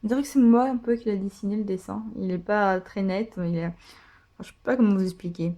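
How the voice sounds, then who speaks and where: In a mellow, medium-pitched voice and at a quick pace, a woman chats through opening trading card packs. She's a vlogger doing casual commentary, gushing about her pulls with many filler words.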